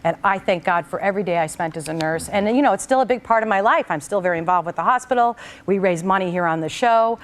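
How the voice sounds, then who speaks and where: A woman talk show host telling a personal story to her guest, animated and acting out the voices of the people in it. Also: mid-range voice, fast, few pauses.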